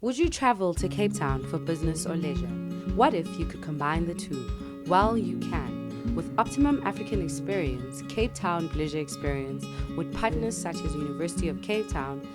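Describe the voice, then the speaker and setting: A woman's voice: lowish voice, lively intonation, loud music behind the voice. A woman reading a sponsor advertisement in a persuasive voice, drawing out key words. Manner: persuasive, drawn-out emphasis. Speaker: advertisement voice-over. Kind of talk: sponsor ad read.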